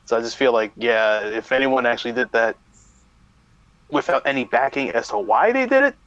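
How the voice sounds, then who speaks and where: Measured man on a dull lo-fi mic. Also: medium pitch, lively intonation, fairly bright tone, dry recording. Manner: measured, opinionated, hesitant restarts. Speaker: podcast co-host. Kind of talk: casual chat.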